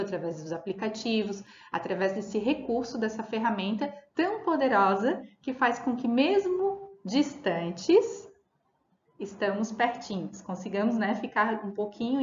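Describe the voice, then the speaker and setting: A woman's voice: medium pitch, a little hiss or hum. A woman teaching a remote lesson, explaining patiently and repeating key words with fillers. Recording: roomy, dull lo-fi audio.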